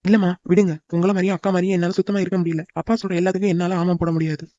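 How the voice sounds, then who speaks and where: A man's voice: sits high, flat delivery, racing, mellow, no room sound, lo-fi sound, lightly acted. A man voicing a stubborn young son who argues with his father in a cartoon, in a heated way. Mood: defiant.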